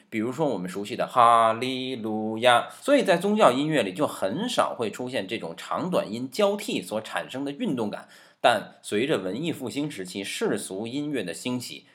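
A man hosts a music history lesson, explaining in a playful, jokey way and even talking to his piano, which plays in the background. His voice is medium-pitched with a fairly bright tone.

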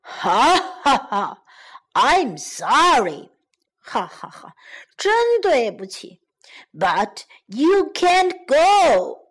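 A woman voicing a hungry, sly male wolf in a bilingual children's storybook, speaking slowly with mock politeness. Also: high-pitched, big pitch swings, full character voice. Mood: gloating.

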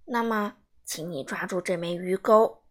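A woman voicing a kind, wise old grandmother in a storybook reading, with a lower, gentle and patient voice. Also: a little slow. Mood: playful.

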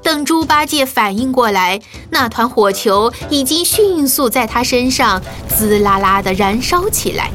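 A woman narrating a children's story in a lively, expressive way. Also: fairly high pitch, unhurried, few pauses. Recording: faint music behind.

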